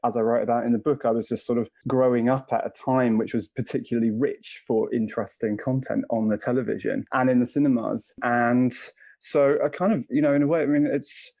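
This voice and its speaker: A man's voice: medium pitch, fairly even intonation, brisk, gravelly, darkish tone, dry recording, low-quality recording. A man in his fifties, an author answering interview questions in a hesitant, thoughtful way with many fillers. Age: 50s.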